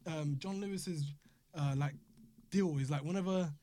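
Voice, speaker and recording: A man's voice: on the high side, moderate pace, mellow, dry recording. A man with a London roadman accent, bantering in street slang in a casual group conversation.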